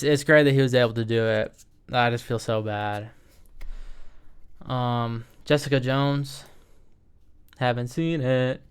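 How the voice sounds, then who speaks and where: Casual rambling young man, smooth voice. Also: medium pitch. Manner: rambling, self-interrupting, slangy. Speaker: video creator ranking movies. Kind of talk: casual tier-list commentary.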